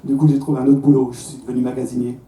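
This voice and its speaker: Recorded from afar in a roomy club with a faint crowd, a thirtysomething Belgian comic with a Belgian French accent pokes fun at himself onstage. He talks rapid-fire in a level, mellow mid-range voice, stammering into restarts.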